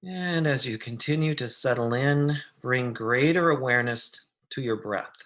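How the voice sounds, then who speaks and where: A meditation guide with a medium-pitched voice speaks softly and soothingly, unhurried, leaving long pauses between gentle instructions.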